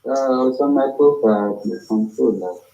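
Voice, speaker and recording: A man on a phone call as a scammer, speaking in halting, broken English. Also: medium pitch, dark tone, roomy sound, faint music behind.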